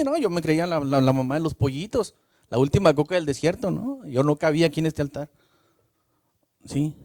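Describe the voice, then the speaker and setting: A man's voice: high-pitched, a little mellow, dry recording, clean studio sound. Man preaching a conversational sermon. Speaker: minister.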